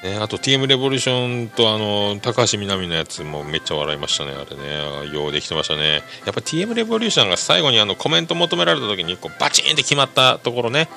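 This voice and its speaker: A man hosting a podcast, rambling casually about music in a chatty, lively way. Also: fairly low pitch, rapid-fire, creaky, few pauses. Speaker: podcast host.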